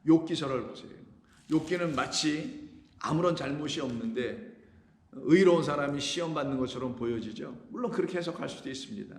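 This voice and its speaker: Pastor guy preaching, higher voice, earnest, slows way down on big lines, church hall echo. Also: darkish tone. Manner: earnest preaching, rising and slowing on key phrases. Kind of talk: sermon.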